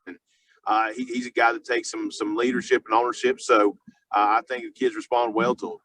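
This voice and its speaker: A man speaking off the cuff as a high school football coach in a sports interview, halting and often restarting his phrases with lots of filler. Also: little pitch movement, a bit bright, rough recording.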